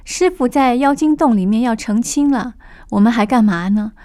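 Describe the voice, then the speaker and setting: A woman voicing a dim-witted, greedy male pig monk who blurts and shouts in a storytelling radio broadcast. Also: on the high side, normal speed, no echo, studio quality, natural voice. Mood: panicky. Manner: bumbling, shouting in alarm.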